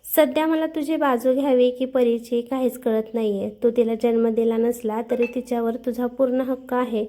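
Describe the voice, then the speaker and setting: Woman playing a calm kind grandmother. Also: a little high, moderate pace, natural voice. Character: kind grandmother, torn and thoughtful.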